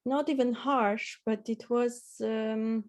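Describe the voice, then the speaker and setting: Slow, hesitant woman. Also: a little high, steady tone, a little mellow. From Armenia. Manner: hesitant, many pauses and fillers. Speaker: guest. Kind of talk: interview answers.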